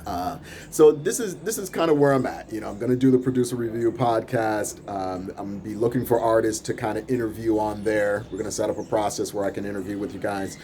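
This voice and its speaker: Camera in hand, a man who produces music and hosts a podcast talks off the cuff in a rambling vlog from his apartment overlooking big-city rooftops. He speaks English natively, in a lowish voice and at a fast clip, relaxed and laughing between thoughts. A little hiss or hum is audible.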